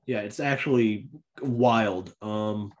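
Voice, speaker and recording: A man co-hosting a casual podcast chat, laid-back and quick to laugh. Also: lowish voice. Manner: laid-back, laughs often, jokingly plays a brash wrestler. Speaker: podcast co-host.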